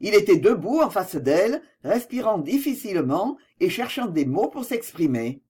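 A woman's voice: mid-range voice, big pitch swings, normal speed, warm tone, husky. A woman reading a novel aloud as an audiobook narrator, with dramatic expression.

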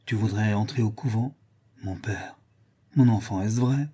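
Audiobook: grave earnest father-prince male narrator, warm, breathy, somewhat raised. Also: on the low side, unhurried. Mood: solemn. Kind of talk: audiobook reading.

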